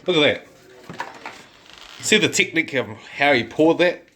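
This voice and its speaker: A man's voice: fairly high pitch, lively intonation, normal speed, fairly bright tone, a little hiss or hum. A man doing jokey, mock-serious running commentary as a co-host, often echoing the cook's words.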